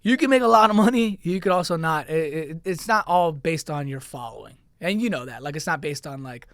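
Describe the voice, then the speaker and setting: Expressive and a little fast, this young content creator from Queens, New York, has a bright, somewhat high voice. Guesting in a podcast studio for a casual interview chat, he's loose and chatty, full of "like" and "you know." The recording is dry, with no echo.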